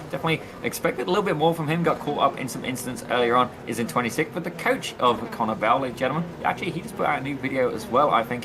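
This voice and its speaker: Noticeable background noise runs under this recording of a lead race commentator calling a sim racing league. His mid-range voice is excitable and theatrical as he delivers play-by-play, repeatedly saying "indeed" and hailing viewers as "ladies and gentlemen."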